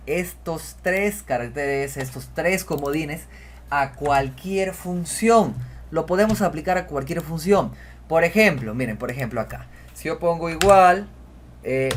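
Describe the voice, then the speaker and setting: A man hosting a screen-recorded software tutorial, talking chattily as he clicks through, often repeating himself and saying "miren". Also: on the high side, a little hiss or hum. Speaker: spreadsheet tutorial host.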